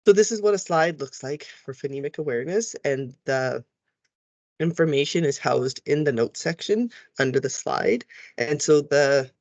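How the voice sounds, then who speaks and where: A man's voice: fairly high pitch, moderate pace, a little mellow, no echo. A man explaining how to use phonics lesson slides, talking teachers through each part and sounding out letters the way they should with kids. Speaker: teacher trainer. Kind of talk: recorded tutorial walkthrough.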